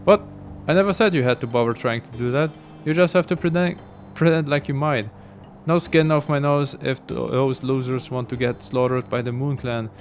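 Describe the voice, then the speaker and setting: A man's voice: medium pitch, moderate pace, few pauses, soft background music, natural voice. A man reading the lines of a rude, scornful pirate from a video game. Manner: sneering, insulting.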